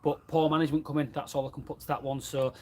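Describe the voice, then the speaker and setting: A man's voice: fairly high pitch, level tone, rapid-fire. A man, chatting casually about running his plumbing business in a live question and answer from his van. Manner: chatty and plain-spoken, reads out viewer comments. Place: inside a van.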